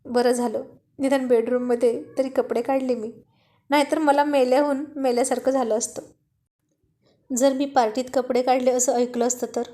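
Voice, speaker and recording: Guilty, flustered young wife in an audio story, high mellow voice, read by a woman. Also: little pitch movement, moderate pace, close to an everyday voice.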